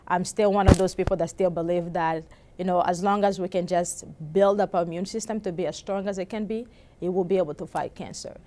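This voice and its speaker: A young woman from the Congo speaks with a slightly low voice. She tells a personal story at a conference booth in an earnest way. She often restarts her sentences and fills the gaps with fillers. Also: mellow. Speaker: PhD student.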